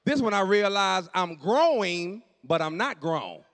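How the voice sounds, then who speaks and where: Guy in his late 40s doing standup, kinda high voice, swings low to loud, hall echo on it. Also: a little slow. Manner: animated, drops to low asides and jumps up for punchlines. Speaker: stand-up comedian. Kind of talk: stand-up comedy storytelling. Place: church hall on stage. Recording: long hall reverb.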